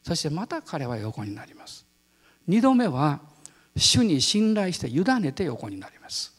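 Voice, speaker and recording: A male pastor giving a sermon, telling a personal story in an animated way and laughing often. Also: on the high side, unhurried, breathy edge, in a large hall.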